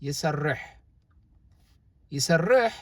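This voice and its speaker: Animated and on the high side, the young teacher's voice is recorded dry. He takes his time over a relaxed grammar lesson, stumbling through frequent fillers and restarts.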